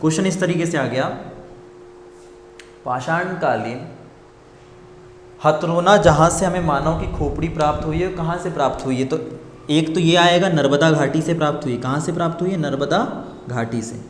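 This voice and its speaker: A man's voice: on the high side, moderate pace, long pauses, roomy sound, long reverb tail, a little hiss or hum. A man teaching an exam coaching class, asking questions and answering them himself, repeating key points again and again. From India. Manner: repetitive, quizzes students and answers himself.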